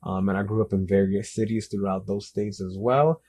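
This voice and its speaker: He's a young man and an author, and in this interview he answers with casual enthusiasm, saying things more than once and leaning on "literally" and "like." His warm, fairly low voice moves at a moderate pace with fairly even intonation. He comes from the Dominican Republic and the US Northeast and South.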